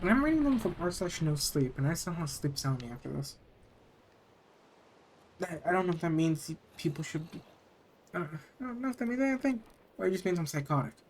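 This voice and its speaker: A storyteller reading horror stories aloud as host, with casual asides and hushed, dramatic pauses. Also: mid-range voice, big pitch swings. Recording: noticeable background noise.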